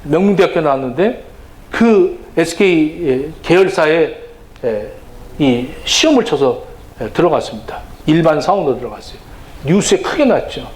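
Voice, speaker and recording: A middle-aged male pastor preaching a sermon, animated and acting out quoted lines in different voices. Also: fairly high pitch, moderate pace, rough recording.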